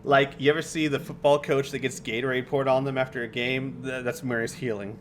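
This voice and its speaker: A man's voice: medium pitch, level tone, fairly quick, a bit bright. A man narrating a tabletop game as game master, mixing dramatic storytelling with casual asides.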